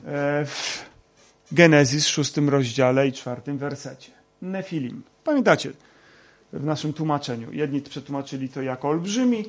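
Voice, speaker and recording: A man teaching a Bible lesson, talking slowly with many hesitations and fillers. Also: a little high. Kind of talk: lecture with slides.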